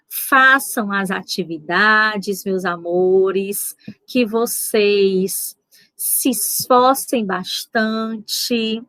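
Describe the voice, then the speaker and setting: Woman teacher for a children's online lesson, affectionate sing-song delivery, slow pace. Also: medium pitch, dry recording. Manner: affectionate, sing-song, stretches words slowly. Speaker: schoolteacher.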